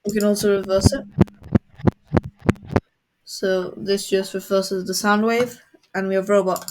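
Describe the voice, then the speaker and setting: A woman's voice: mid-range voice, flat delivery, a little slow, very noisy. Woman explaining a coding tool. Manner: plain step-by-step explaining. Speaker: coding tutor. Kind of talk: screen-recorded software tutorial.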